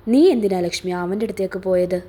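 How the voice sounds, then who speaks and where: A woman voicing a domineering middle-aged father who shouts and gives commands in a storybook reading. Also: mid-range voice, steady tone, fast talker, slightly rough, natural voice. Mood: stern. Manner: bellowing, commanding.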